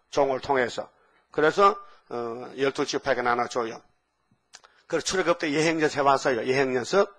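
Animated Korean preacher, fairly high voice. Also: male voice, slightly rough. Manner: animated storytelling, acting out Bible characters' voices. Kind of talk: sermon.

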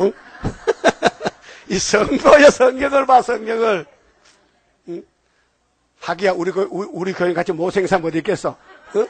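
A man's voice: sits high, no room sound. An older man preaching a sermon in a folksy, teasing manner, often prodding his congregation for responses. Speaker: pastor.

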